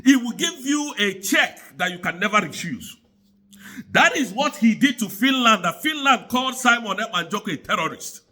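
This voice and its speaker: A man with a high, bright voice delivers a heated political rant. His pitch swings all over the place as he repeats his charges in an angry, preaching tone. He speaks throughout. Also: lively intonation, normal speed. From Nigeria. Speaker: commentator.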